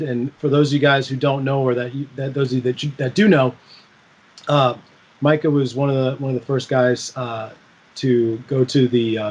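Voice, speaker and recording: A man's voice: medium pitch, darkish tone, lo-fi sound. A man hosting a fight podcast, asking casual questions with many fillers and restarts. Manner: halting, filler-heavy questions. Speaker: podcast host.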